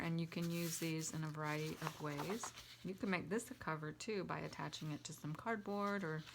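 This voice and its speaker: Low-voiced chatty woman crafter. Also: background noise. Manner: chatty, rambling, with fillers and restarts. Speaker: crafting channel host. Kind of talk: casual crafting tutorial.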